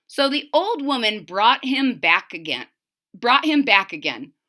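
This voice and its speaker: In a slightly high, unhurried voice, a woman reads a children's story aloud with animated, dramatic expression. She breaks off for asides, putting questions to her listeners.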